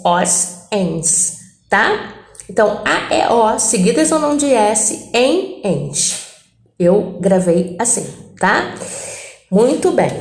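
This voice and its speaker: Brazilian woman teacher, slow and patient, slightly high voice, echoey room, recorded lesson. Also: a little mellow. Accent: Brazilian Portuguese. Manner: patient, repeats points and checks in with frequent "tá?". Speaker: Portuguese teacher. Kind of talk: recorded lesson going over textbook exercises.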